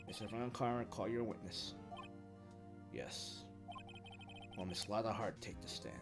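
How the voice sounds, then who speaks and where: Guy reading a snooty cold prosecutor, clipped, deep-ish, game music under it. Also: unhurried. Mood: scornful. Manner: clipped, condescending. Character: cold, arrogant older male prosecutor.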